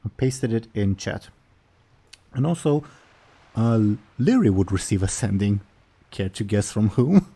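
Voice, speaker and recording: A man's voice: on the low side, a little slow, pauses often, mellow, husky. A man running a tabletop role-playing game as game master, narrating casually and putting questions to the players.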